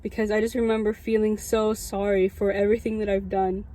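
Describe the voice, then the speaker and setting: A brisk, mellow, medium-pitched woman with a flat delivery tells an audience her personal testimony as a student chaplain. In her early twenties and from Southern California, she has a Californian American accent and keeps things informal and chatty, with frequent "like" asides.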